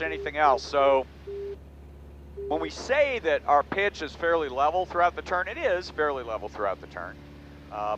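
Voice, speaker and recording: A male pilot talks through flight maneuvers in a matter-of-fact, technical way, with clipped callouts and a lively, varied pitch. He is recorded in a small airplane cockpit, with dull sound and loud engine drone behind him. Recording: dull audio, loud aircraft cabin noise. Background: engine and cabin drone.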